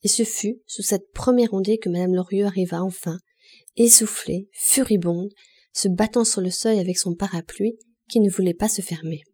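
A woman narrates a classic novel as an audiobook, reading steadily and in a measured way. Her voice is mid-range and husky.

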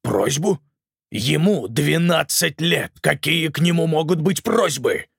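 A male reader voicing a hot-tempered, protective uncle who shouts in rage. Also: fairly high pitch, animated, slow, vocal fry, husky, no room sound, studio quality, pitched above the performer's own voice, exaggerated voice. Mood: furious.

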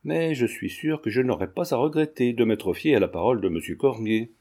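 A man reading as a formal, measured judge. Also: medium pitch, animated, darkish tone. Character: measured, principled male investigating judge.

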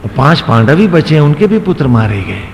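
A man's voice: fairly high pitch, very animated, moderate pace, creaky. A male swami telling a devotional story in a sermon, with dramatic, rising and falling delivery. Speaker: swami, spiritual preacher. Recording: echoey hall, faint background noise.

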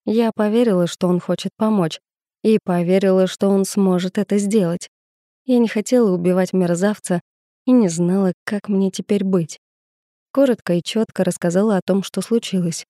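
A woman narrating a first-person audiobook in a steady, intimate storytelling manner on a close studio mic. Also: mid-range voice, normal speed, no room sound.

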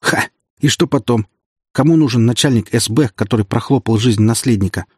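A man's voice: medium pitch, a little fast, breathy edge, dry recording, clean studio sound, natural voice. A male audiobook reader voicing a gloating treacherous middle-aged security chief who mocks and sneers. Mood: sneering. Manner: sneering, mocking. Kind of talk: audiobook character voice.

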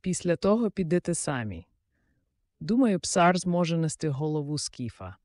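A man's voice: on the high side, very animated, moderate pace, darkish tone, dry recording, studio quality. A man voicing a friendly, commanding outlaw leader who speaks plainly.

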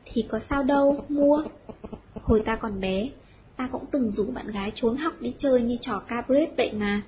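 A woman voicing a normally gentle male teacher who snaps into furious shouting. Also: a little high, moderate pace, a little hiss or hum, natural voice. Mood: kindly. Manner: snarling, shouting bursts. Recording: dull lo-fi audio.

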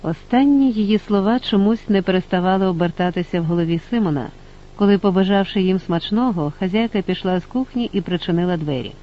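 High-voiced man narrating an audiobook. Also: quick pace, muffled recording.

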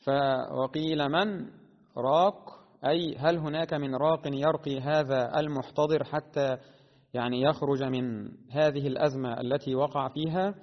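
A man teaching the rules of Quran recitation, explaining at a deliberate pace and slowing to chant the verses melodically. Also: mid-range voice, steady tone. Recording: dull lo-fi sound with long reverb.

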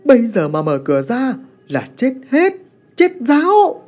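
A man voicing a frightened young son who shouts urgently to wake his sisters and calm his mother. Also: extremely high pitch, unhurried, faint music behind, voice pushed up, exaggerated voice. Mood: urgent shouting.

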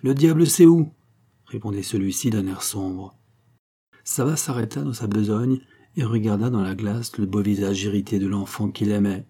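Guy reading an old novel aloud, low dark husky voice, steady pace. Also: brisk. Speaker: audiobook narrator. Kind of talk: scripted narration.

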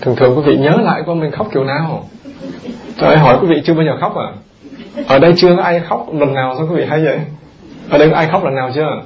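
Gravelly monk giving an animated sermon. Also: male voice, on the high side, quick pace, muffled recording. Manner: animated, questions the audience often. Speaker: Buddhist monk teaching. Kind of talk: dharma talk sermon. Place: temple hall.

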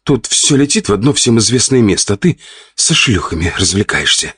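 A man voicing an indignant, sharp-tongued middle-aged countess in an audiobook. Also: on the low side, sing-song, slightly rough, dry recording, studio quality, pitched above the performer's own voice, full character voice. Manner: indignant, quick to retort.

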